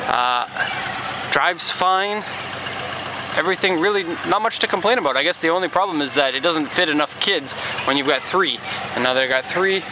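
A casual, chatty man in his thirties, talking on a handheld camera as he walks around a car outside. His voice sits a little higher than most men's, and he tends to chuckle at his own mishaps. Street noise and passing traffic are clearly heard behind him. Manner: chatty, laughs at himself. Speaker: car exporter. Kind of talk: casual vlog walkaround. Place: outdoors on a street beside a car.

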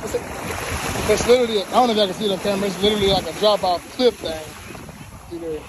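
A vlogger filming at the beach on a phone, talking casually and excitedly with slang and frequent laughter. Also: medium pitch, quick pace. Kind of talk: casual vlog chat. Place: beach, standing in the surf. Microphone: handheld phone camera. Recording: wind and surf noise outdoors.

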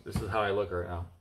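A man's voice: low voice, noisy background. A man in his thirties, an auctioneer, chatting casually as he goes through old items, reading labels aloud and teasing his crew. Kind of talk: casual unboxing commentary. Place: indoor storage area with block walls.

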